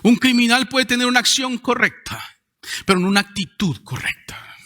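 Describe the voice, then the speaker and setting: A man preaching a sermon as pastor, emphatic, with sudden rises in pitch and loudness. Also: animated, moderate pace. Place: church hall. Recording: long hall reverb.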